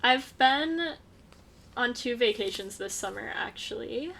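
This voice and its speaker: Young woman, bright and a little high, playful wisecracking co-host, faint noise underneath. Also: animated, vocal fry. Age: young adult. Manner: playful teasing, quick wry one-liners. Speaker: vlog co-host. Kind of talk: casual chat while crafting. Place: indoors at a craft table.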